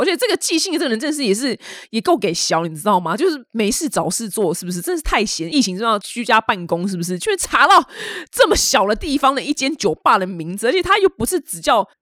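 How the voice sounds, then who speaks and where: A woman's voice: fairly high pitch, fairly bright tone, dry recording, studio quality. A woman from Taiwan, hosting a casual news commentary in a chatty, opinionated way.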